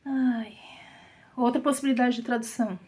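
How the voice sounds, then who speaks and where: A woman with a Brazilian Portuguese accent leading a Bible study, reading scripture aloud and explaining it, sometimes dropping to a soft whisper for emphasis. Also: fairly high pitch, steady tone, moderate pace. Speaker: Bible teacher.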